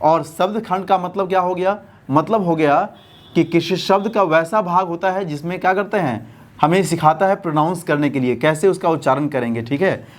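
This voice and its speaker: In a basic English grammar class, a man with a slightly high voice explains the lesson classroom-style. He questions the class and supplies the answers himself, slowing right down to dictate whenever he spells out words.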